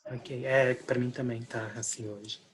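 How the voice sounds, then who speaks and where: A man with a Brazilian Portuguese accent teaching a math class online, explaining slowly and relaxed while his video call audio keeps cutting out. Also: medium pitch, over a noisy crowd. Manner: relaxed, explains slowly, often says "daí". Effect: choppy, cutting-out video call audio.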